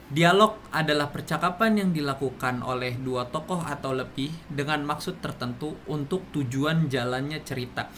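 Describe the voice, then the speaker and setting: Man explaining a lesson, slightly high voice. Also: moderate pace, a bit bright, slight background noise. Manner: explains with many fillers and restarts. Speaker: presenter. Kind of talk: classroom explanation.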